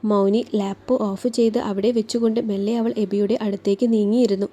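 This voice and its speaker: Mellow woman reading a love story. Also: medium pitch, flat delivery, brisk. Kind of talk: scripted narration.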